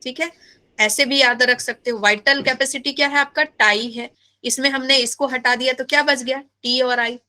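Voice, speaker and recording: A woman teaching biology in a live class, animated and playful, often asking her students questions. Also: high voice, moderate pace.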